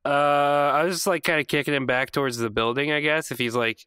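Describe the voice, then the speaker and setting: A man's voice: fairly high pitch, fairly quick, smooth, dry recording, clean studio sound. A man playing a tabletop role-playing game, joking and laughing often as he talks. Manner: animated, laughs often, jokey. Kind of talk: casual tabletop role-play.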